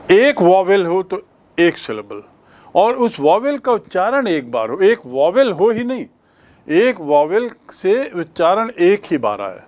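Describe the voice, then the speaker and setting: A male teacher, explaining grammar in a classroom lesson, slowly repeating and spelling out words. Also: high voice. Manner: slow, repeats and spells out words, mixes English phrases.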